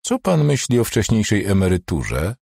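A man's voice: fairly low pitch, wildly swooping pitch, normal speed, creaky, darkish tone, breathy edge, no room sound, studio quality, exaggerated voice. A man voicing a cold, sarcastic female police doctor in an audiobook, speaking in a curt, detached way. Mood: icy. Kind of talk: audiobook character voice.

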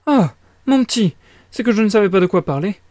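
A man's voice: high voice, animated, fairly quick, a little mellow, no room sound, studio quality, pitched above the performer's own voice. A man reading aloud and voicing an anxious, fussing middle-aged mother who talks in a flustered, gushing way. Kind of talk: audiobook reading.

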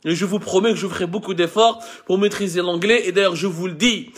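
An Algerian man with an Algerian accent hosts a live talk, explaining things to his viewers like a lecturer. He often restarts his sentences and piles up lists. His voice sits fairly high for a man. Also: brisk, breathy edge. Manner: mixes French with Algerian Arabic, many restarts and lists. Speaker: host of a live show. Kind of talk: talking to camera, explaining to viewers.

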